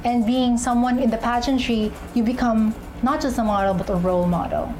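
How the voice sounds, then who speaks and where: A young woman, an actress and pageant contestant, candidly recounting her personal journey in an interview, often pausing to find her words. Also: a little high, steady tone, darkish tone, slight background noise, low-quality recording. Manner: candid, searching for words with fillers and restarts. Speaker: interviewee, actress and beauty queen. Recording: music bed underneath.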